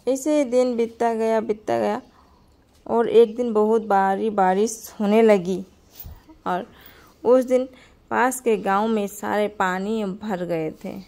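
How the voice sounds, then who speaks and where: A woman's voice: medium pitch, fairly even intonation, takes it slowly, creaky, mellow. Woman narrating a homely cartoon story.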